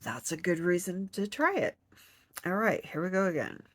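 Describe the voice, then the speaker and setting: A crochet vlogger with a lowish, very animated voice demonstrates her craft on camera at a moderate pace, her nose a bit stuffed up. She chats to herself and counts stitches under her breath, with no echo in the recording.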